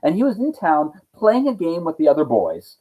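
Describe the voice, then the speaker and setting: A man's voice: on the high side, huge pitch swings, moderate pace. A male teacher telling a story to his students in a playful, casual way with silly asides. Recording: tinny phone-like sound.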